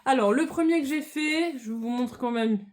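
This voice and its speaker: A woman's voice: sits high, moderate pace, darkish tone. A woman vlogging about her crafts, chatting casually to viewers with many hesitations and restarts. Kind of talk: casual hobby chat to viewers.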